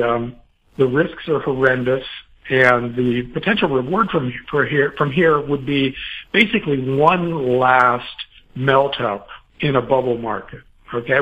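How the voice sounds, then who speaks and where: A man answers an interview as a financial guest, circling his points with fillers and false starts. His voice is husky. The audio is dull and lo-fi. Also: medium pitch. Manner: rambling, many fillers and restarts.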